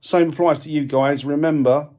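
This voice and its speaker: A man's voice: a little high, fairly even intonation, moderate pace, mellow. An English man on a ghost hunt, calling out questions to spirits and joking aside in an old building. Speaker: paranormal investigator. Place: old building indoors at night. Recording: noisy on-location camera audio.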